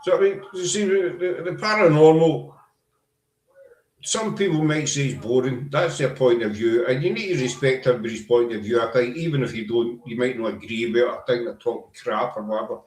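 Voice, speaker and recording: This Glaswegian podcast host speaks briskly in a mid-range, slightly mellow voice with a Scottish accent. His casual conversation is chatty, emphatic and meandering, recorded with a roomy echo.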